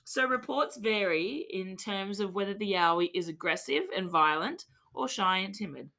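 A woman's voice: medium pitch, animated, normal speed, vocal fry, sharp tone. An Australian woman hosting a podcast, talking in a chatty, jokey way and swearing freely. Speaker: podcast host. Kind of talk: casual chat.

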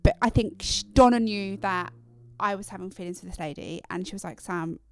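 A woman's voice: mid-range voice, fairly quick. A middle-aged woman co-hosting a casual chat, talking in a hesitant, chatty way and laughing often. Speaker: podcast co-host.

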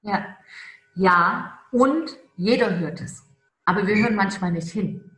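A woman coaching on charisma in a conversational interview, emphatic and stretching key words slowly. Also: medium pitch, fairly bright tone, reverberant.

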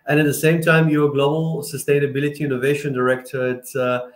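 A man's voice: fairly high pitch, flat delivery, fast talker. A man hosting a podcast interview, speaking hesitantly with many restarts. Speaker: podcast host. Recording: echoey room.

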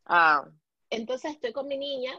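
Her high, animated voice has a sharp tone and a measured pace as this Puerto Rican interview guest recounts her experiences, slipping in English words and restarting often. The recording is dull and lo-fi, dry with no echo.

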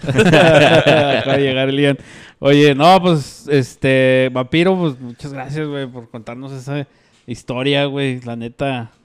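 A man's voice: medium pitch, steady tone, a little slow, smooth. A man with a northern Mexican accent hosting a casual podcast chat, talking in slangy, profane, teasing banter. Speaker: podcast host.

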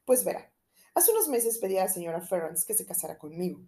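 A woman reading an audiobook, voicing an anxious middle-aged gentleman who confides in urgent, lowered tones. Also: big pitch swings, fast talker. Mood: confiding.

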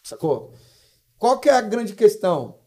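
Brazilian guy on a podcast, pretty high voice, blunt and slangy, keeps saying brother. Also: very animated, unhurried, mellow. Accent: Brazilian Portuguese. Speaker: real estate broker guest. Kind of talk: casual podcast storytelling.

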